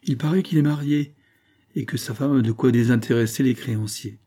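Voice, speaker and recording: A man voicing a jovial, gossipy old male peddler in a storybook reading, hearty and loud. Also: mid-range voice, fairly quick, lightly acted. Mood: urgent.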